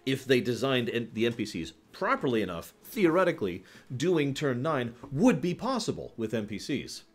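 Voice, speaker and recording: A man hosts a livestream, talking about games in a sing-song, medium-pitched voice at normal speed. Addressing the live chat casually, he rambles emphatically, drifts into digressions and repeats phrases to stress them.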